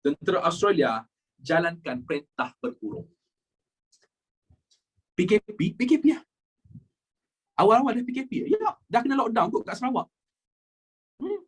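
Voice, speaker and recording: A man's voice: high voice, big pitch swings, moderate pace, long pauses, husky, rough recording. A young Malaysian man teaching a live online history class, jokey and repeating his key points, mixing in English phrases.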